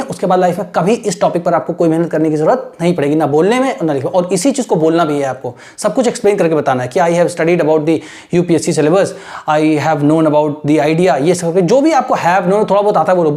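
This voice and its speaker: Here an English teacher for exam aspirants speaks in a high, slightly mellow voice. Mixing Hindi with English, he builds each grammar point step by step, checking with students via "right?" almost every sentence.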